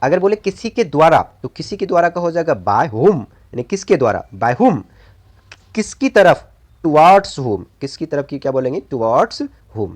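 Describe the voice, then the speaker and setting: A man with a Hindi accent gives an English vocabulary lesson in a slightly higher voice. He repeats each word and keeps asking and answering his own questions. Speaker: English teacher.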